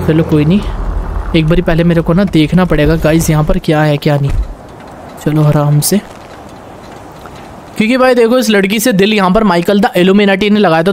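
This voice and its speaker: A young man with a high-pitched voice narrates a video game for his viewers, excitable and chatty. He switches between Hindi and English words as the action goes on. A faint background hiss sits under the recording. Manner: excitable, talks to viewers, barks orders in role. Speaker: gameplay commentator.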